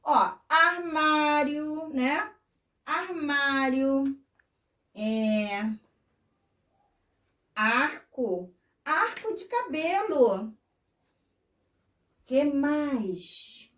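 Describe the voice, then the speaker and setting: Woman, teacher, lesson for small children, slow, sing-song, echoey room, distant mic. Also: high voice, lively intonation, a bit bright. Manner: coaxing, sing-song, stretches out key words.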